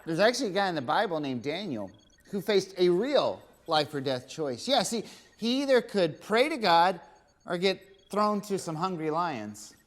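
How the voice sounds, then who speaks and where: A woman voicing a curious, easily confused male puppet doctor who gently explains Bible lessons in a children's church show. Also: lowish voice, big pitch swings, moderate pace. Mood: explaining.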